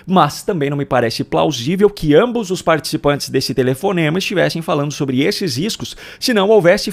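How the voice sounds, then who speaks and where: A man with a Brazilian accent delivering scripted political commentary in a deliberate, emphatic way. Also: on the high side, gravelly. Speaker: political commentator and video host.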